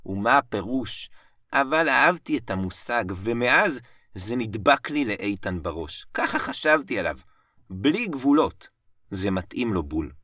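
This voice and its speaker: Lively low-voiced man telling a story. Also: dry recording. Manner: dramatic pauses, short broken phrases. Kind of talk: first-person story narration. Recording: dry voice set back from the mic, soft music bed. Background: soft piano music.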